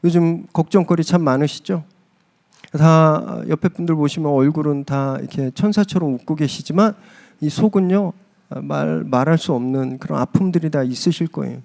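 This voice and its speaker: High-voiced man preaching a sermon. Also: moderate pace, gravelly, a little mellow. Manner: emphatic preaching, pitch climbing on key phrases. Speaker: pastor. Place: church service.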